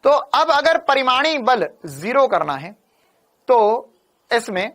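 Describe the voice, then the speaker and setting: A man teaching a physics lecture in an animated, teasing way, repeating key lines. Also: extremely high pitch, takes it slowly. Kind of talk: classroom lecture.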